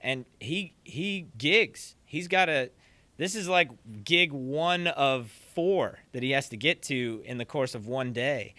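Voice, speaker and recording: A man guest on a podcast telling stories in casual talk, animated and acting out quotes. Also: mid-range voice, slow pace, no room sound. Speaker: podcast guest, percussion teacher. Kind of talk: casual interview storytelling.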